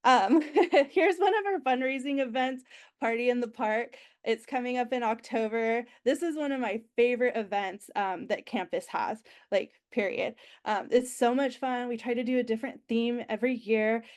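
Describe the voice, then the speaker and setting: Her fairly high, slightly mellow voice moves at a moderate pace as she leads an orientation presentation for university alumni relations. Young and nasal from recent illness, she's enthusiastic and chatty, saying um often.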